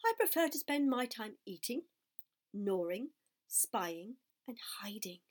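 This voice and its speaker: A woman's voice: a little high, measured pace, natural voice. A crafty, greedy male rat, voiced by a woman reading aloud who grumbles sourly. He is a storybook schemer who looks out only for himself. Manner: sour, grumbling.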